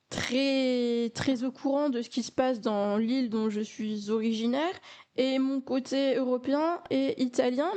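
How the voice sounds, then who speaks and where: A woman's voice: high voice, darkish tone. A young woman from France telling a casual storytime, chatty, with many fillers and repeated words.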